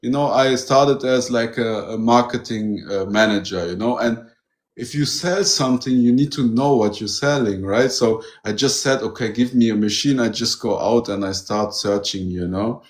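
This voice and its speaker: A German man who runs a metal detector shop chats eagerly as a guest in a casual interview, often saying "you know." His voice is medium-pitched at a moderate pace, and the recording has a roomy echo.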